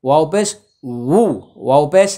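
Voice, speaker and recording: A man teaching Quran recitation, spelling out letters slowly and chanting verses with long drawn-out vowels. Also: a little high, warm tone. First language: Bengali.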